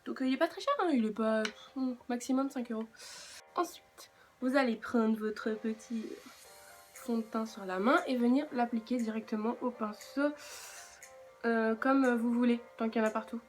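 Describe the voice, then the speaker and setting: A woman's voice: on the high side, moderate pace, soft background music. A woman with a French accent chatting casually through a makeup tutorial, with self-mocking asides. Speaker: beauty vlogger.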